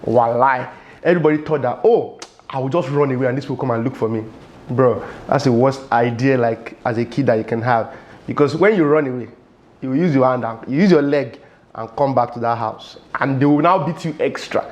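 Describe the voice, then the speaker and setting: Young Nigerian-accented male vlogger, lively and rambling, clip mic at a home desk. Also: medium pitch, a little fast, highs cut off. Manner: animated, chatty, lots of fillers. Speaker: vlogger host. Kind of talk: casual talking-head storytelling. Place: home studio room. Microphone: lapel mic.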